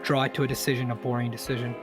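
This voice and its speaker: A man's voice: mid-range voice, level tone, racing. A man in casual, joking banter with a group. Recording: music playing behind the voice. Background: music.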